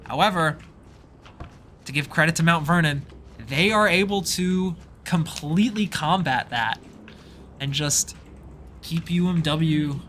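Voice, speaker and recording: A young man casting a live college esports match, calling the action in quick bursts that climb into excited exclamations over a headset mic. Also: a little high, slight background noise. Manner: fast, excitable play-by-play with rising exclamations. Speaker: esports caster. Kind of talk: live esports play-by-play commentary.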